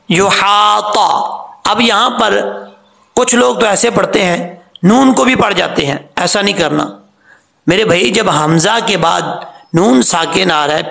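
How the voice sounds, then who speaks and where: A man teaching Quran pronunciation, who explains a rule and then stretches out each sound slowly to model it. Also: sits high, vocal fry, fairly bright tone, echoey room. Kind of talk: tajweed lesson.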